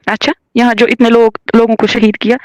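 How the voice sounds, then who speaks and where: A woman's voice: a little high, flat delivery, dry recording. A woman from Kashmir, calling in to a heated debate and answering defensively and emotionally. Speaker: caller.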